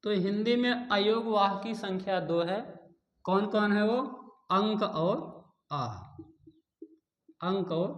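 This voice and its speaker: A man's voice: sits high, fairly bright tone. Echoey man teaching a repetitive grammar lesson. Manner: repeats key terms slowly, asks and answers own questions. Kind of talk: Hindi grammar lesson for exam students. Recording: echoey room.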